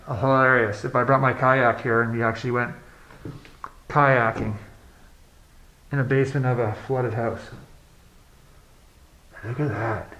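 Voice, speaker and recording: A man exploring an abandoned house, narrating casually to a handheld camera with hushed, awed asides. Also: medium pitch, dull audio. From Canada. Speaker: urban explorer. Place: empty abandoned house, indoors. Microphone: handheld or body camera. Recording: echoey empty rooms.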